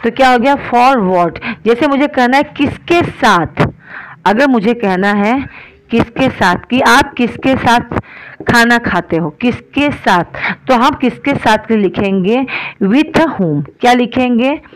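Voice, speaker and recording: Indian woman, grammar teacher online, a bit high-pitched, patient and repetitive, slows down for examples. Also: expressive, low-quality recording. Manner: explains in Hindi, often asks if it is clear; slows right down to spell out example sentences.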